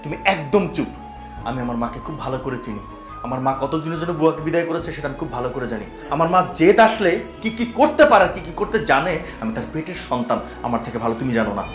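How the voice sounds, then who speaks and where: An actor playing a devoted young husband who speaks earnestly and indignantly. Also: male voice, a little high, animated, quick pace, music in the background, lightly acted. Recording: roomy echo.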